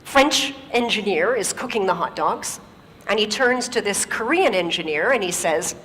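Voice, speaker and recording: A woman's voice: medium pitch, moderate pace, big-room sound, a little hiss or hum. A woman giving an emphatic public talk, telling stories on stage. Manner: storytelling, lively and emphatic. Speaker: speaker.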